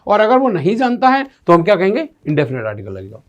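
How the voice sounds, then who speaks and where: In a classroom-style grammar lesson, a male teacher explains English step by step, reading out sentences and asking rhetorical questions. He talks fast in a high voice with huge pitch swings, and the highs are cut off.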